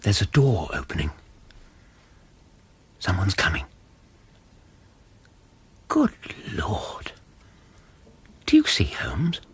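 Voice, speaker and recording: Doctor Watson, slow low voice. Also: male voice, wildly swooping pitch, husky, dry recording, in a whisper, heavily acted. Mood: uneasy, musing. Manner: musing, courteous. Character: thoughtful, earnest, romantic English doctor companion. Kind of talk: radio drama acting. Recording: noisy radio drama ambience.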